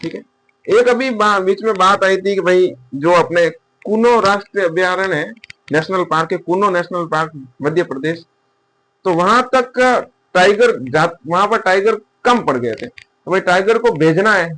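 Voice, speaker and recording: Guy doing a casual exam prep lesson, kinda high voice, asks stuff then answers it, repeats words slow while writing. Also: lively intonation, a bit bright. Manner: repeats key terms slowly while writing, asks and answers his own questions. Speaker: exam coaching teacher. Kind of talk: casual classroom-style lecture.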